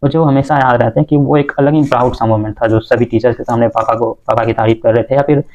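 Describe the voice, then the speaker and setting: A man's voice: medium pitch, steady tone, quick pace, a little mellow, lo-fi sound. A young man telling the story of his entrance exam day in a casual, hesitant way, with many fillers and restarts. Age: young adult.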